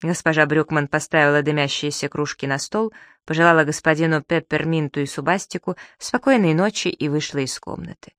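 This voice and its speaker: Storybook narrator; even, steady telling, dry close recording. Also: mid-range voice, brisk, no echo. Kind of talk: audiobook narration.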